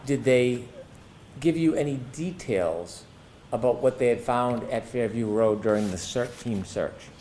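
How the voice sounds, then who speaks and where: Male trial lawyer, mid-pitched, methodical questioning of a witness, clear background noise. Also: unhurried, warm tone. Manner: formal, precise, methodical. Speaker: prosecuting attorney. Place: courtroom.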